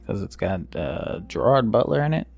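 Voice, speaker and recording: A man's voice: on the low side, big pitch swings, moderate pace, gravelly, darkish tone, faint music behind. A man co-hosting a podcast, bantering casually in a brash, joking and heavily profane way. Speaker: podcast co-host.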